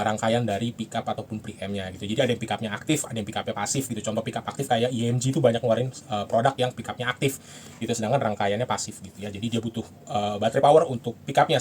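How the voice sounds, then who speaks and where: Fast-talking husky bass teacher. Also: male voice. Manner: fast, chatty explaining with many fillers. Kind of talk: casual instructional talk.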